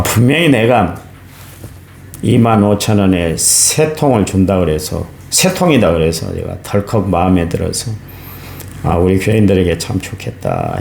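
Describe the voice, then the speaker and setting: Male pastor, dawn sermon, gravelly low voice, lively swooping delivery, echoey church with faint hiss. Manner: emphatic preaching with sudden high exclamations; addresses congregation directly. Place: church sanctuary.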